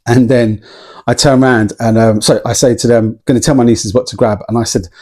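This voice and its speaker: A man chats through a relaxed unboxing vlog, voice husky and a little rough. He rambles through his story with ums and little laughs, pitched right in the middle of the male range. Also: a little fast. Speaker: vlogger.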